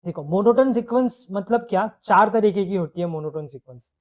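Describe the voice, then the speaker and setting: A man's voice: sits high, a little fast, a little mellow. A man teaching a live online math lecture. He explains step by step, asks questions and answers them himself, and mixes English phrases into his explanation.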